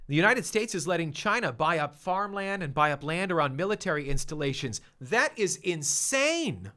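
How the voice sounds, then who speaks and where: A man's voice: sits high, a bit bright. A man hosting his own opinion show, delivering emphatic, indignant commentary with punchy repetition. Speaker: show host.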